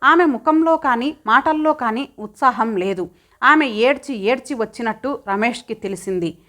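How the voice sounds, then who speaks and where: A woman narrator giving a steady, expressive reading of a magazine short story for an audiobook. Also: on the high side, moderate pace.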